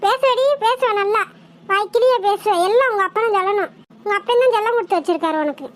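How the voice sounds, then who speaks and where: Cartoon: woman voicing a bossy mother, high pitched and scolding. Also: fast. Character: stern scolding village mother. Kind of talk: cartoon voice acting.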